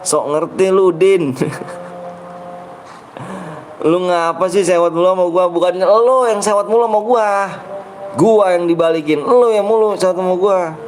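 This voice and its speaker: Young male game streamer with a Betawi accent, slightly high voice, slangy and squabbling. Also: measured pace, pauses often, slight background noise. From Jakarta, Indonesia. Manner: grumbling, slangy, bickering with chat. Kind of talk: casual live-stream chat.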